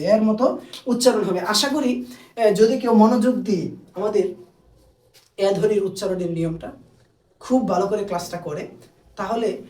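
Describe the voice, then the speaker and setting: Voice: medium pitch, dark tone, far from the mic. Teacher, echoey. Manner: asks questions and answers them, checks in with "okay?"; repeats key terms slowly, drawing out example words. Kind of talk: recorded online grammar lesson. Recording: echoey room, voice off-mic.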